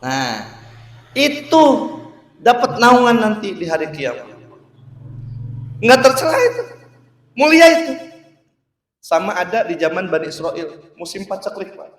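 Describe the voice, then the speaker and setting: A man preaching, telling a moral story with lively jokes and often addressing the listeners directly. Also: high voice, unhurried, long pauses. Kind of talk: Islamic sermon storytelling. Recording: roomy, distant mic.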